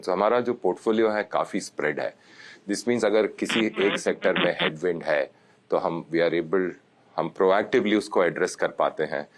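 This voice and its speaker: A man, a company executive, answering interview questions in a measured way, listing points and mixing into his sentences. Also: low-pitched. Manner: measured, mixes English and Hindi, lists points methodically.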